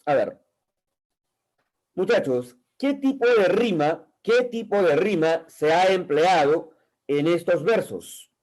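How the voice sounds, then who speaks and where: Peruvian male literature teacher, unhurried, slightly high voice, keeps checking the class follows. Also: animated, a little mellow, rough recording. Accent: Peruvian Spanish. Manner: keeps asking "¿listo?" and "¿no?"; reads poetry aloud slowly. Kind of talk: online exam-prep class.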